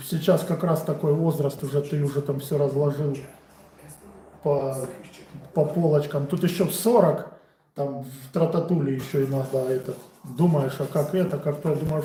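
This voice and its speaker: Speaking from a room in his house, a friendly boxing coach in his forties with a Ukrainian accent fields viewers' questions off the cuff during a casual live stream. His pitch is on the high side and his tone darkish. The low-quality recording sounds roomy.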